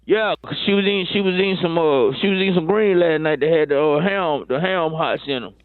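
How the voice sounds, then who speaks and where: Man doing a stammering, slangy excuse-maker calling over the phone. Slightly high voice, tinny dry line. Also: a little fast, no room sound. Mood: rambling. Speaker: caller.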